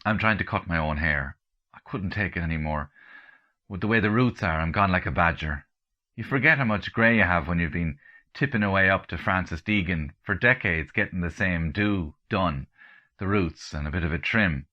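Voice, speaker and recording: A man with an Irish accent giving a comic first-person reading, telling the story dryly with deadpan asides. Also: low-pitched, normal speed, highs cut off. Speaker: comedian and author reading.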